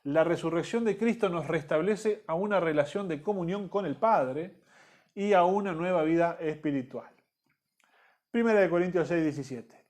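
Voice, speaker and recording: A man's voice: on the high side, darkish tone. A man teaching a church discipleship Bible class in Rioplatense Spanish, repeating key points and checking in with the listeners.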